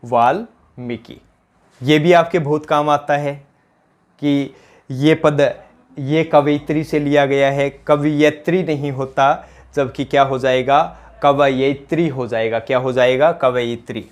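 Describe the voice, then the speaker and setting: A man's voice: a little high, level tone, unhurried. A man with a Rajasthani accent teaching an exam-prep grammar lesson, drilling each answer by asking the question again and addressing his students as companions.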